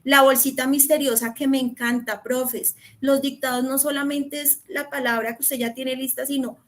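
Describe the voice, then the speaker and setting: A woman's voice: high-pitched, flat delivery, moderate pace. A woman from Colombia with a Colombian accent, giving an earnest teacher training talk and addressing teachers directly.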